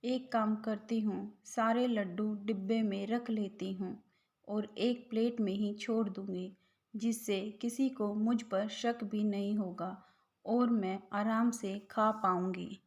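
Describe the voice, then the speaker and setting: A woman's voice: mid-range voice, steady tone, takes it slowly, a little mellow. A woman voicing a greedy, scheming young daughter-in-law in a storybook tale, on a slightly dull recording. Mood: sly.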